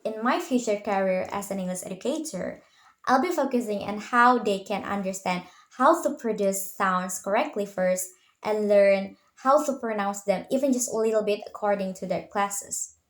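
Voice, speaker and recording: Indonesian-accented young woman presenting, roomy sound. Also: medium pitch. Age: young adult. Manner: reads a script steadily, slowing to sound out example words. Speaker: student presenter, future English teacher. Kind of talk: prepared class presentation. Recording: roomy echo.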